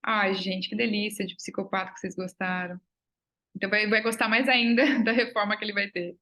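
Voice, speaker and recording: A woman's voice: medium pitch, level tone, fairly quick, bright, forceful tone. A woman with a Brazilian Portuguese accent teaching a live online class, chatting upbeat and answering viewers' comments. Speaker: child psychology course instructor.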